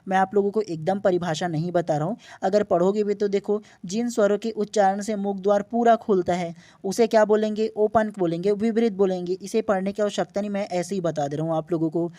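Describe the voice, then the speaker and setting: A man's voice: sits high, mellow, dry recording. A man teaching an online exam-prep language lesson, explaining patiently, stretching out example vowel sounds and often checking in with his students. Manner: checks in often with short "okay?" tags.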